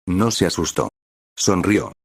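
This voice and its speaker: Man, very deep voice, dry close sound, measured dramatic storytelling. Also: sing-song, vocal fry, slightly rough, no echo. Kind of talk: scripted narration.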